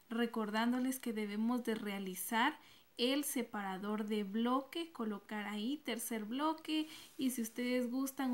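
A woman teacher giving a recorded online class, speaking patiently and repeating each word for her pupils. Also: fairly high pitch.

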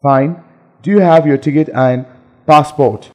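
A man with a slightly raised pitch reads practice dialogue phrases in a plain, measured delivery. A long reverb hangs after his lines. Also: a little mellow. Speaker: dialogue reader in an English lesson. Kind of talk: scripted dialogue reading.

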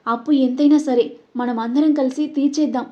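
A woman's voice: high voice, fairly even intonation, a little fast, warm tone, highs cut off, natural voice. A woman voicing a shocked, tearful young woman pleading to save her brother. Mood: distraught.

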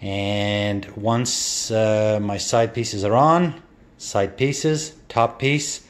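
A renovation vlogger gives a loose, wandering tour of his kitchen remodel, holding a phone camera as he walks through the room. His voice sits fairly low, his intonation stays mostly flat, and he stretches out his words, filling the talk with fillers and false starts.

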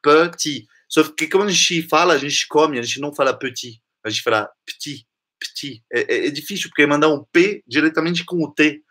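A French man teaching the pronunciation of a song's lyrics, singing lines slowly and then explaining them. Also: a little high, sharp tone.

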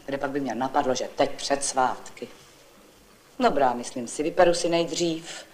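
A woman's voice: extremely low pitch, a little mellow, voice pushed down. A woman voicing a busy, fussy housewife who chatters and complains while telling her neighbour a story, in an old literary reading. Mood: chatty.

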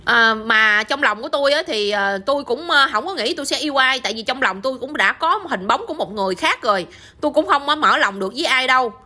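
A woman with a Southern Vietnamese accent voicing a gentle young man who explains himself soothingly to a friend. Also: high-pitched, lively intonation, fast. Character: young man leaving to study abroad, gentle.

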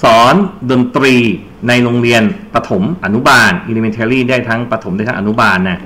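A man tutoring English grammar for exam prep walks through each step and prompts his students with questions. His medium-pitched voice is bright and forceful, with a steady tone at a moderate pace.

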